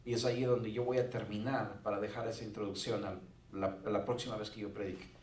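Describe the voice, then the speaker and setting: A man's voice: lowish voice, fairly even intonation, fast, darkish tone, slight background noise. A male pastor preaching a sermon in a conversational way with joking asides. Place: church sanctuary. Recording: roomy church sound from a distant mic.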